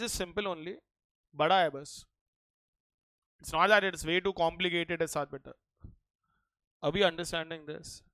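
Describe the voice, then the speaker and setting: A man's voice: sits high, bright, forceful tone, clear, resonant tone, no echo, low-quality recording. A man with an Indian accent giving a classroom lecture, mixing Hindi into English and insistently checking that students follow. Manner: insistent, often checking that students follow, addressing them familiarly. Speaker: teacher of an exam preparation class.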